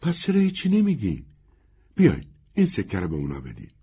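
A man voicing a shy, cheerful young servant girl with a husky, raised voice. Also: mid-range voice, big pitch swings, voice pushed up, full character voice. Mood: eager, wistful. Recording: narrow phone-like band.

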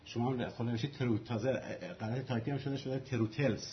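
A man's voice: medium pitch, fairly even intonation, highs cut off, slight background noise. A man on an academic panel who cuts in with short, firm corrections.

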